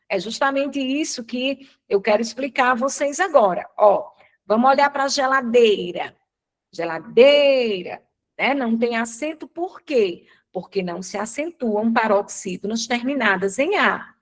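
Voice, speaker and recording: A woman's voice: a little high, animated, moderate pace. A woman teacher from Brazil giving a live online grammar lesson, asking questions and answering them herself. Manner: didactic, asks and answers her own questions.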